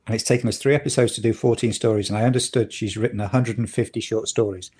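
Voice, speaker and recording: A man co-hosting a podcast in casual chat, opinionated and getting animated when something annoys him. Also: on the low side, fast, breathy edge. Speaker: podcast co-host.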